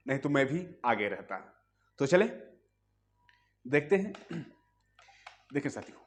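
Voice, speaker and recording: A man teaching a music lesson, explaining patiently step by step and asking listeners to hum along. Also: a little high.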